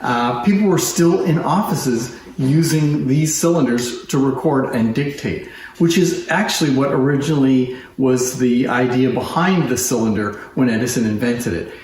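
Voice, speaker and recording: A man presents antique phonograph machines in an informal, hands-on demonstration, explaining as he goes. His voice sits in the mid-range and is a little mellow. The recording has a roomy echo and clear background noise.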